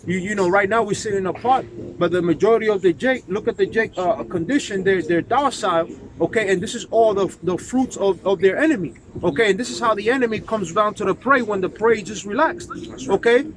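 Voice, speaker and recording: A man reading a scripture passage aloud and then explaining it in a measured way. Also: high-pitched. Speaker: scripture reader. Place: outdoors by a busy street. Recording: outdoor traffic noise.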